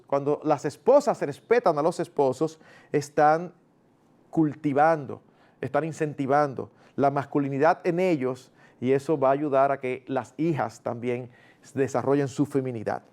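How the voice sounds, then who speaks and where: A man preaching a sermon in a lively, conversational way, acting out family dialogues in a raised voice. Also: a little high, measured pace. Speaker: pastor.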